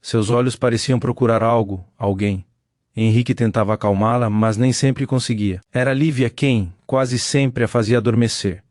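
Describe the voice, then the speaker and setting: A man giving a scripted dramatic narration in a measured, solemn storytelling manner. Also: medium pitch, steady tone, a little mellow, no echo, studio quality.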